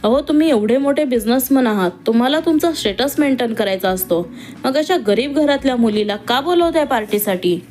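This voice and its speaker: A woman's voice: high voice, lively intonation, brisk, a little mellow. A woman voicing a proud, status-minded wealthy mother in a read-aloud story, speaking with scorn. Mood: scornful. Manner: scornful, disdainful. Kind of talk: storybook reading.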